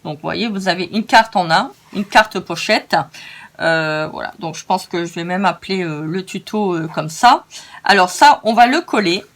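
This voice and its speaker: A woman's voice: on the low side, animated, normal speed. Tired, chatty northern French woman crafter. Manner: chatty, rambling, many hesitations, laughs at herself. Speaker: crafting tutorial host. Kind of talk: casual step-by-step craft tutorial.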